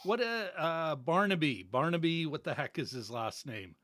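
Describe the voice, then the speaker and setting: A man's voice: on the high side, expressive, normal speed, a crowd in the background. A middle-aged man co-hosting a casual livestream, rambling through fillers and restarts as he signs off. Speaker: podcast co-host. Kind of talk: casual livestream sign-off chat.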